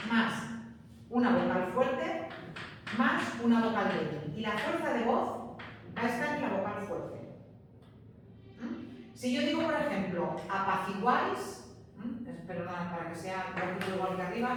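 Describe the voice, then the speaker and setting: A woman's voice: on the high side, background noise. A woman from Spain teaching a grammar lesson, patient and emphatic, often checking in with her students. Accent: Spain Spanish. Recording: echoey hall, voice from far off.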